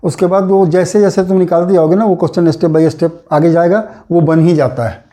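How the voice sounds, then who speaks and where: A man's voice: high-pitched, steady tone, fairly quick, warm tone. A man teaching maths, patiently explaining a problem step by step and repeating key points, mixing terms into his speech. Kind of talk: classroom explanation.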